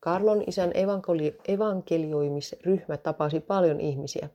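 Woman storyteller, low mellow voice, steady scripted read. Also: lo-fi sound. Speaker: narrator.

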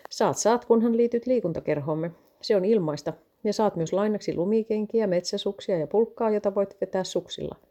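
A woman's voice: medium pitch, dark tone, close to an everyday voice. A woman reading the lines of a cheerful male vicar in a read-aloud story, eagerly listing what his parish offers. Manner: eager, salesy, enthusiastic listing.

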